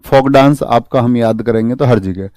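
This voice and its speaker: A man's voice: mid-range voice, normal speed, dark tone, dry recording. A young man teaching an exam-prep class, energetically quizzing students with questions and mixing English words into his explanations. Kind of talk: exam coaching lesson.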